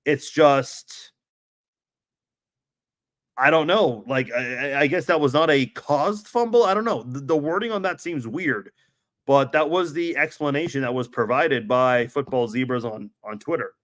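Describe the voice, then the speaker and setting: A man hosting a sports podcast, his voice hoarse and worn out from yelling, giving emphatic opinions in a casual, halting way with awkward pauses. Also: medium pitch, animated. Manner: opinionated, emphatic, rhetorical questions.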